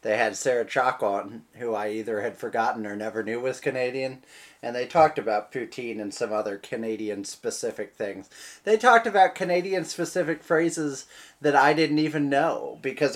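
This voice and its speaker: With an American accent and a medium-pitched voice at normal speed, a podcast co-host jokes around about sports, bantering in a wry, casual way.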